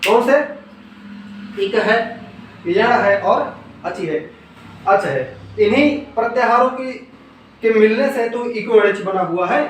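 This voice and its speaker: In an echoey room, a man with a high voice works through grammar rules one step at a time, slowly and with lively intonation and long pauses. He poses questions, answers them himself, and repeats key terms, sounding off-mic with faint noise.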